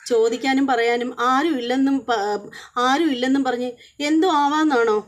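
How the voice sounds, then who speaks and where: A woman's voice: high-pitched, steady tone, normal speed, close to an everyday voice. A woman doing a hurt, pleading middle-aged mother. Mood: plaintive. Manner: plaintive, pleading.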